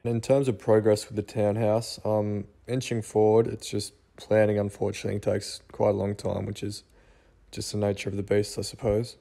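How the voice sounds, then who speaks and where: Young Australian male vlogger, easygoing narration, low and dark-toned. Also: little pitch movement, normal speed, vocal fry. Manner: laid-back, self-deprecating. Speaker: home renovation vlogger. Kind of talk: casual voice-over walkthrough. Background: soft guitar music.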